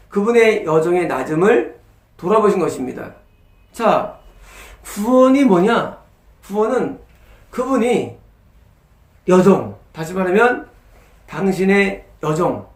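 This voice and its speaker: A man's voice: high voice, roomy sound. A male pastor preaching a sermon, asking rhetorical questions and answering them with emphasis. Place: church sanctuary.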